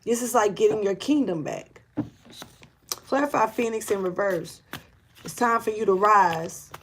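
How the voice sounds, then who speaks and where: A woman's voice: medium pitch, unhurried, slight background noise. A woman giving a casual spiritual tarot reading, talking in a loose, rambling and blunt way with slang and cursing, earnest and urgent, with frequent repeats and restarts. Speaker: tarot reader.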